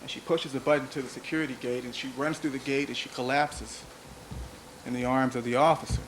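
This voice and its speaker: A man delivering a courtroom opening statement to a jury, speaking in a measured, deliberate way and repeating key phrases for emphasis. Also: mid-range voice, fairly even intonation, a bit bright. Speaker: trial prosecutor. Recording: noisy archival courtroom audio.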